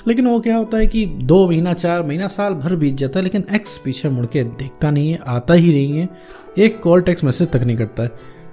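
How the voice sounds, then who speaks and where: Fast-talking man giving breakup advice. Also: a little high, lively intonation, warm tone, faint music behind. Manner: informal, addresses viewer as "bhaiya" and "my friend"; repetitive, emphatic phrasing. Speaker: relationship advice host. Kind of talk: direct-address advice talk.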